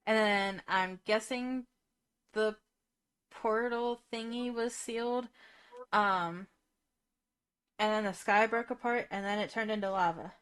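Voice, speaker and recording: A woman's voice: mid-range voice, fairly even intonation, slow pace, long pauses, fairly bright tone, clean tone. A woman playing a tabletop role-playing game on a live stream, recounting events casually with many ums. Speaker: player.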